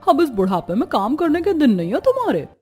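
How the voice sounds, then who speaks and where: A woman plays a nosy middle-aged neighbor in a cartoon story, coaxing and gossipy. Her voice sits fairly high. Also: very animated, quick pace, a little mellow, soft background music.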